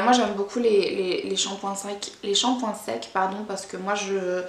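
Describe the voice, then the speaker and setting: A woman's voice: medium pitch, gravelly. A young woman from Brittany reviewing beauty products in a chatty, rambling way, full of hesitations. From Brittany, France. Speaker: beauty vlogger. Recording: echoey room with faint noise.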